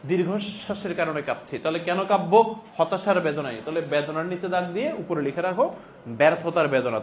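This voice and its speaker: A man's voice: on the high side, slight background noise. A man teaching a classroom lesson, posing questions and answering them himself, with the odd joke. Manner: explains by asking and answering his own questions, joking. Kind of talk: classroom lecture.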